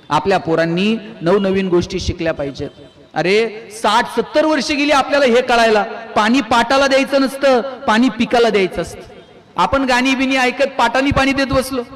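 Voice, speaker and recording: A man's voice: high voice, big-room sound. A man giving a motivational public lecture, telling anecdotes, asking rhetorical questions and acting out the people in his stories. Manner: animated storytelling, rhetorical questions, mimics characters in anecdotes. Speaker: public speaker.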